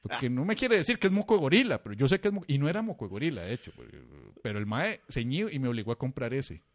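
A man's voice: mid-range voice, big pitch swings, racing. A man with a Costa Rican accent, a podcast co-host telling a rambling, self-mocking story in a casual, slangy way. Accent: Costa Rican Spanish.

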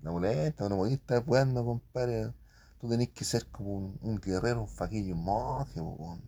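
Chilean guy rambling about printing, low gravelly husky voice, lots of slang. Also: moderate pace, mellow. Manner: slangy, rambling, makes printer sound effects. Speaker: print shop worker. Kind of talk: casual rambling monologue.

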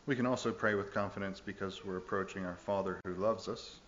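A male pastor preaching in a lowish voice, earnest and emphatic. He presses home his points with direct questions to the congregation. The recording is dull and lo-fi, with a faint hiss. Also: steady tone, fairly quick, a bit bright. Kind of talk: sermon.

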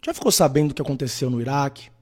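A man from Brazil giving blunt, animated opinions straight to the listener, often mimicking the people he quotes. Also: mid-range voice, rapid-fire. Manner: animated, blunt, addresses the listener as "colega" and "meu filho"; acts out quoted people in mocking voices. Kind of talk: opinionated talk to camera.

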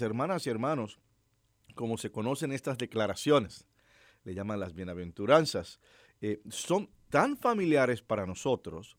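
A man, a priest, giving a Sunday homily in an unhurried, reflective way, with fillers and rhetorical questions. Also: mid-range voice, no room sound, studio quality.

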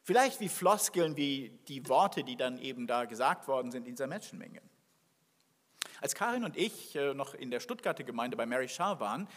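A man preaching a sermon as pastor, reading scripture and then acting out little dialogues as he tells his story. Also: on the high side. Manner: animated, acts out dialogue in his telling. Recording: long hall reverb.

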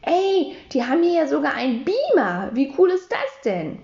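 A woman doing a loud, excitable young schoolboy in a storybook, high and bouncing all over, boastful and eager. The sound is roomy and a little dull. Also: normal speed, vocal fry. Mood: excited. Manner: eager, exclaiming.

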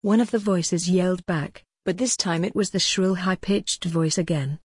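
Woman narrator, low-pitched, husky, steady storybook reading, dry close sound. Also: moderate pace, dry recording. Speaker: audiobook narrator.

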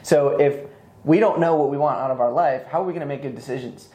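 A man's voice: medium pitch, quick pace, dark tone. A man in his thirties speaking as a podcast guest in a casual, motivational conversational style. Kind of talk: casual motivational interview talk. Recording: echoey, roomy sound.

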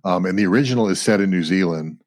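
Man, lower pitch, podcast co-host, enthusiastic scene-by-scene movie talk. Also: fast talker, a little mellow. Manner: enthusiastic, recounts scenes, often breaks into quoted lines. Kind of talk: casual movie chat.

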